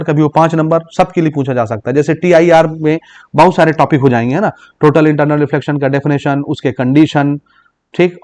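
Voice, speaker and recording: A man's voice: a little high, darkish tone, highs cut off. A man teaching an exam-prep physics lesson, mixing Hindi with English terms and often checking "okay?" with his students. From Chhattisgarh, India. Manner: explains in Hindi mixed with English terms, repeating "ठीक" to check understanding; reads English exam questions slowly aloud.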